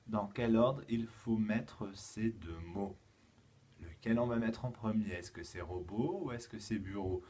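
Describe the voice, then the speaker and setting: A man with a French accent, a kindergarten teacher giving a slow, patient home-schooling lesson to young children. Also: on the low side, mellow, a little hiss or hum.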